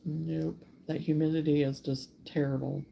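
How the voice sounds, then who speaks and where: This middle-aged crochet streamer speaks in a deep, flat voice with vocal fry, broadcasting casually from her countryside home. She's chatty and lingers over each hello to the viewers commenting. The audio sounds dull, with a little hiss or hum.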